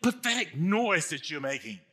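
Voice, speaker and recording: A man's voice: fairly high pitch, big pitch swings, moderate pace, bright, forceful tone, breathy edge, heavily acted. A man preaching who voices a big male lion in a fable, stern and questioning. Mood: firm.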